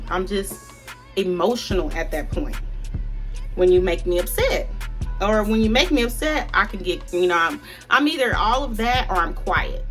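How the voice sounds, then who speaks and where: A woman's voice: mid-range voice, sharp tone. A young woman chatting casually to viewers while doing her makeup, rambling and confiding. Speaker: beauty vlogger.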